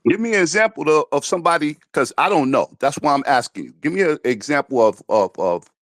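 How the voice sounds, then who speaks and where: A man's voice: a little high, animated, fast talker, a bit bright, dry recording. A man with a Brooklyn accent, a caller speaking in an informal, streetwise and insistent way in a casual debate. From Brooklyn, New York, USA. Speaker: caller to a talk show.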